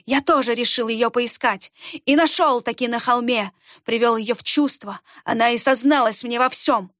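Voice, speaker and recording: A woman's voice: fairly high pitch, normal speed, fairly bright tone, no room sound, clean studio sound, natural voice. Woman voicing a sly, brazen male schemer. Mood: boastful. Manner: glib, boastful.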